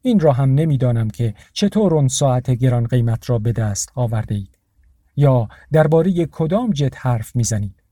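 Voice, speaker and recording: A man's voice: mid-range voice, animated, mellow, no room sound, studio quality, close to an everyday voice. A man voicing a cold, disapproving businessman in an audiobook. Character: cold, formal male entrepreneur.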